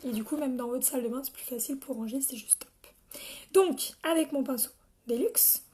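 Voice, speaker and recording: Young woman, high voice, chatty live makeup tutorial, talks to viewers by name. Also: a little fast, warm tone. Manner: chatty, addresses viewers by name, frequent coughs. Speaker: makeup seller training her team.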